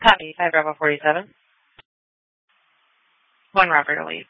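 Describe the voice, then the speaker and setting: A man's voice: fairly high pitch, normal speed, gravelly, no echo. A man working as a police dispatcher, reading clipped call signs and addresses over a police radio channel. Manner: clipped, flat call-sign delivery. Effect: police radio transmission. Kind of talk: terse radio dispatch calls. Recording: dry, dull lo-fi police radio.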